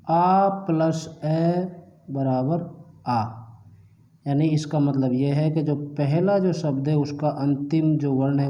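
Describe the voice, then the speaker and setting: A man gives an online grammar lesson in a very slow, deliberate way. His voice is dark and mellow, and he moves through each example one step at a time. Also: a little high, highs cut off. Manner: slow, methodical, repeats each sum step by step. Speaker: teacher.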